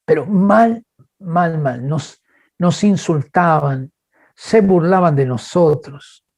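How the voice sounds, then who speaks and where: Man, Chilean accent, sermon with storytelling, animated, jumps in pitch for quotes. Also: slow. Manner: addresses listeners as brothers, asks okay. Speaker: guest speaker. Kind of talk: preaching with personal storytelling. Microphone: webinar microphone.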